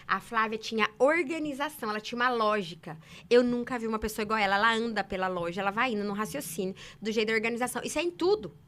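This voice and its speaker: Woman, from Brazil, quick talker, bright tone, emphatic storytelling. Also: on the high side. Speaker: saleswoman guest. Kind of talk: casual interview storytelling.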